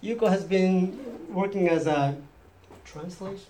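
A man's voice: high voice, slow pace, mellow, slight background noise. A man from Japan with a Japanese accent, preaching a sermon and restating each point himself in a second language, chatty and asking his audience questions. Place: church hall in Seattle.

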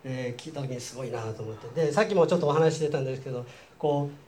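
A man's voice: medium pitch, very fast, dark tone, a little hiss or hum. A man from Japan with a Japanese accent, preaching a sermon and restating each point himself in a second language, chatty and asking his audience questions. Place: church hall in Seattle.

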